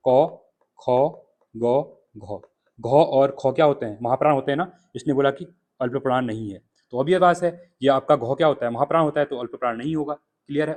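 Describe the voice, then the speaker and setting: Man, exam tutor, walks through a past paper, step-by-step, repeats letters slowly. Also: mid-range voice, darkish tone. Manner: explains step by step, repeats "theek hai" often.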